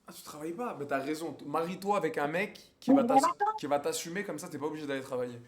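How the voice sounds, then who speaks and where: A man's voice: a little high, animated, quick pace, crowd noise. A man, chatting crudely on a live stream and teasing strangers on video calls. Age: 20s. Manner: crude, slangy, teasing, swears often.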